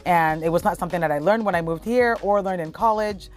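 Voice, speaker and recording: A woman in her thirties from Cameroon, a travel blogger telling her family's story in a relaxed, chatty way with plenty of fillers. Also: fairly low pitch, fast talker. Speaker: travel blogger and content creator. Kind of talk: documentary interview.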